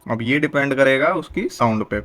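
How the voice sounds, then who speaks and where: A young man gives a patient, steady grammar lesson. He keeps putting questions to his students and then answering them himself. His voice sits at an ordinary middle pitch. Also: moderate pace. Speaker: teacher.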